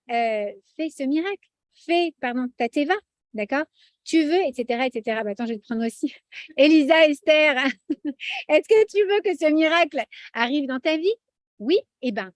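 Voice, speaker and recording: High-pitched woman teaching a lively religious class, chatty, keeps asking the room, dry mic. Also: no echo. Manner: chatty, animated, asks the audience often.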